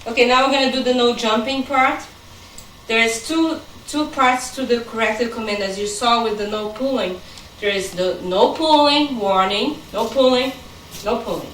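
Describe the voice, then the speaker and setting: A woman dog trainer calmly explaining how she corrects a puppy, giving short firm commands. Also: a little high, moderate pace, roomy sound, distant mic, slight background noise, low-quality recording. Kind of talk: instructional chat during training.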